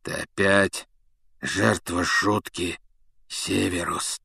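A man voicing a grim male fugitive with a hoarse, rasping voice. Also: deep voice, steady tone, very slow, sharp tone, no room sound, clean studio sound, exaggerated voice. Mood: strained.

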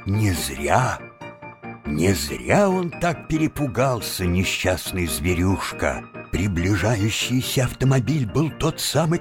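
Expressive male audiobook narrator. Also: mid-range voice. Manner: expressive, lively storytelling.

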